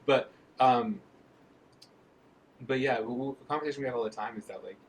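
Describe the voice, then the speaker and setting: A man's voice: mid-range voice, brisk, low-quality recording. A man hosting a casual sports interview, chatty and upbeat, firing off follow-up questions. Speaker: interviewer, host.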